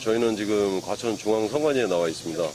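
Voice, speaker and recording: A man's voice: lowish voice, fast talker, a little mellow, slight background noise. A man reporting to viewers in a hesitant way, with many fillers. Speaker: protester addressing viewers.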